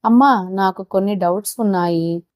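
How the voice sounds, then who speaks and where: A woman voicing a restless teenage boy in a storybook reading, speaking in a hushed, excited way. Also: mid-range voice, normal speed, dry recording, studio quality, natural voice. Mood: eager.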